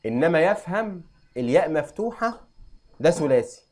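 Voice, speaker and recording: A young adult man with an Egyptian accent, teaching an Arabic grammar lesson and quizzing students with quick questions. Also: on the high side, big pitch swings, darkish tone. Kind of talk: classroom lesson.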